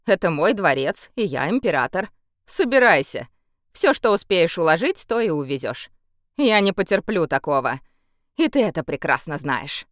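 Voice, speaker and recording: A woman reading a cold possessive emperor, commanding, lively intonation, audiobook character, dry close recording. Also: on the low side, moderate pace, clean tone, no echo, lightly acted. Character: cold, possessive male emperor with a beastly temper.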